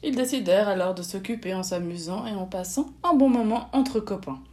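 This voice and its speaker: A woman reading a children's story aloud, in a lively and expressive way. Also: medium pitch, fairly quick.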